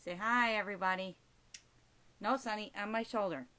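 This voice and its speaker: A woman's voice: medium pitch, normal speed, sharp tone. A woman chatting casually to her pet budgie, coaxing it with short repeated prompts and endearments. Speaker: pet owner filming her bird. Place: recorded while handling the camera herself.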